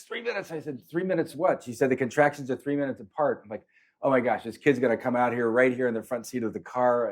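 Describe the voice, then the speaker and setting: A man's voice: lowish voice, a little mellow. A middle-aged man, a priest and panelist, telling stories from his parish in an anecdotal way and lifting his voice when he quotes others. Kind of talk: storytelling talk.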